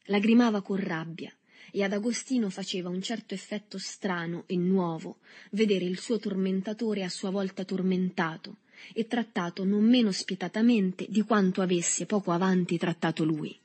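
A woman narrating a novel with a steady literary reading. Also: medium pitch, normal speed, breathy edge.

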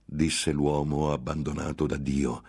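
A man's voice: a bass voice, flat delivery, measured pace, a little mellow, breathy edge. A man narrating a gothic tale in a grave, dramatic audiobook reading.

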